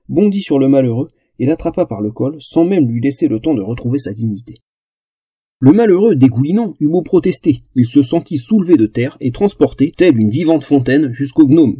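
A man narrating a comic fantasy audiobook in an expressive storytelling manner. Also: medium pitch, slightly rough, dry recording.

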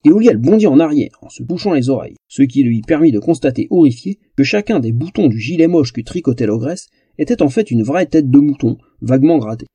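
Husky, dark-voiced male storyteller. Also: medium pitch, a little fast, few pauses, dry recording. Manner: expressive, comic storytelling. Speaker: narrator. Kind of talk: audiobook fantasy narration.

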